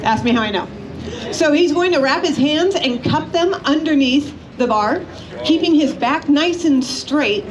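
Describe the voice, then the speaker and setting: A woman's voice: high voice, lively intonation, measured pace. A woman giving a live instructional demonstration to a group, conversational and checking in with her listeners often. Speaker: motorcycle riding instructor. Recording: clear background noise.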